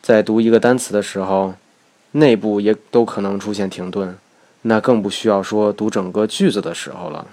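A Chinese man speaks in a fairly low voice, narrating a lesson from a script. His delivery is measured and explanatory, and he slows right down to demonstrate words. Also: steady tone, dark tone. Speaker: English teacher.

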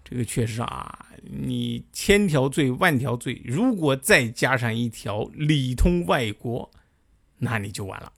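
A man telling a history story in a lively, colloquial way, full of chatty asides. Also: medium pitch, measured pace, gravelly.

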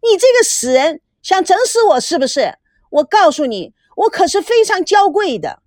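A woman's voice: high-pitched, very animated, measured pace, no room sound, studio quality. A woman voicing a flamboyant, coquettish middle-aged woman who talks in an affected, sing-song way. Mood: shrill scolding.

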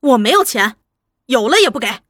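A woman's voice: fairly high pitch, big pitch swings, unhurried, a bit bright, no echo, studio quality. A woman voicing a stern village mother who scolds in an exasperated way in a storybook reading. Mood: scolding. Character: stern rural mother, scolding but soft-hearted.

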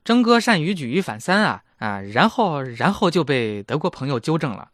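A man's voice: on the high side, sing-song, moderate pace, a bit bright, no room sound, clean studio sound. A man in his thirties hosting a casual language lesson, chatty and self-mocking. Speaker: German language teacher and host.

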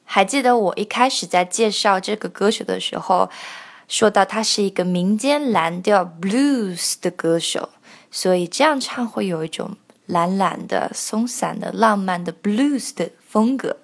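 Slow-speaking woman teaching a song. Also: medium pitch, creaky. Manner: explains patiently, sings lines slowly to demonstrate. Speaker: singing teacher. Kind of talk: song pronunciation lesson.

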